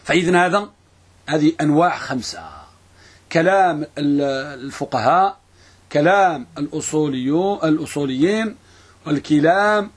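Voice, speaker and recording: A man with a high, somewhat husky voice teaches a classroom grammar lesson. He draws out lines of verse slowly and keeps putting questions to his students. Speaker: Islamic scholar teaching grammar.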